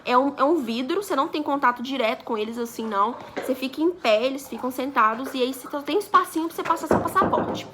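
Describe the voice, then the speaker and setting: Talking fast with few pauses, a young Brazilian vlogger in her twenties narrates a story and performs the quoted lines herself. Her voice is high, and there is background noise.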